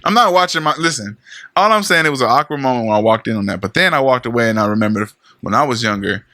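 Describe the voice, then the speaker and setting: Bright-voiced man telling loose stories. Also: medium pitch, expressive, fast, no room sound, clean studio sound. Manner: loose, profane storytelling with laughter. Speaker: podcast co-host. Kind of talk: casual chat.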